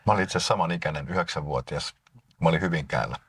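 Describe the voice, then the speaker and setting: A man's voice: extremely low pitch, fairly bright tone, slightly rough, no room sound. A man hosting an interview, asking short questions and prompting his guest along. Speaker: interviewer, host. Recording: distant dry mic.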